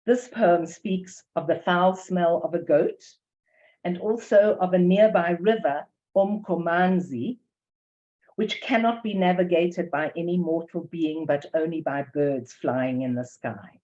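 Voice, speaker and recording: The recording is dull and lo-fi: an older woman, accent South African English, gives an academic lecture in an unhurried, mellow, lowish voice. She reads her prepared text with care and reads poems aloud as well.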